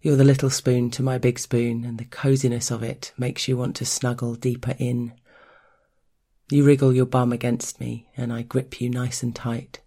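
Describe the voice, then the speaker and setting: An intimate narrator with a creaky, gravelly edge and a middling pitch. The delivery is measured and deliberate, telling an erotic first-person story as if to a single listener. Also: level tone, dark tone.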